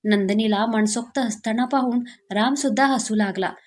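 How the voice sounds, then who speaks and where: A woman storyteller reading a romantic story in a plain, steady way. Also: fairly high pitch, moderate pace. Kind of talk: scripted narration.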